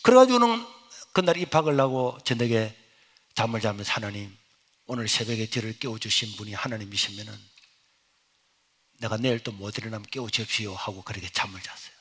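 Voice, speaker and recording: A middle-aged male pastor, preaching a sermon as personal testimony. He swings from loud exclamations to hushed, near-whispered lines. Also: on the low side, brisk, slightly rough.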